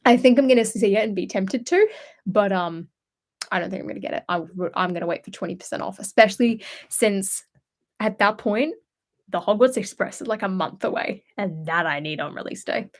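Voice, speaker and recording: A woman's voice: medium pitch, a little fast. A young woman hosting a casual live stream, telling rambling stories and answering comments in a chatty way. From Australia. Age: young adult. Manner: chatty rambling storyteller, many fillers. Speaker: channel host. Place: at home indoors.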